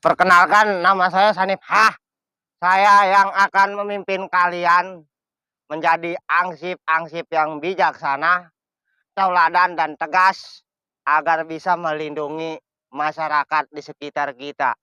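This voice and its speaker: A man acts out a bossy drill sergeant for a comedy sketch, with a high, bright voice and a Betawi Indonesian accent. He barks orders and needles his recruits in a dry, close sound. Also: level tone, unhurried, smooth, no room sound. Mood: pompous. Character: bossy mocking male drill commander of village guards.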